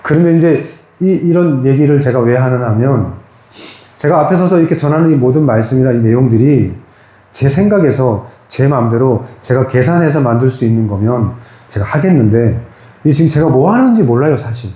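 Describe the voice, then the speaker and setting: A man's voice: medium pitch, animated, fairly quick, warm tone. A man preaching a sermon in a small church, talking in a conversational way and putting questions to the congregation. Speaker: pastor. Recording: echoey church room.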